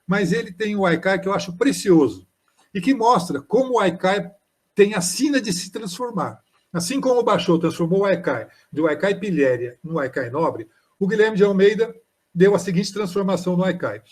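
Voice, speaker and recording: An older man, a poet, explaining poems in an informal live-streamed talk, reading verses slowly with frequent hesitations. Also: sits high, lively intonation. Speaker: poet and author presenting his book. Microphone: live stream microphone.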